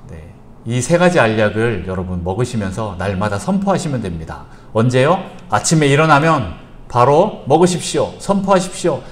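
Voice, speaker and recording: A man's voice: mid-range voice, very animated, moderate pace. A male pastor preaching an evening church sermon, repeating short instructions and having the congregation recite after him.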